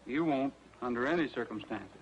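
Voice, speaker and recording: An actor playing a steady, honest young cowboy hero who speaks in a plain, even way in an old western film. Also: male voice, medium pitch, brisk, dull audio, a little hiss or hum, close to an everyday voice. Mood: wry.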